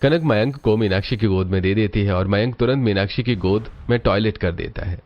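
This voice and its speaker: A man narrating a cartoon family story in a steady, even storytelling manner. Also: fairly low pitch, fairly quick, muffled recording. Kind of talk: scripted narration.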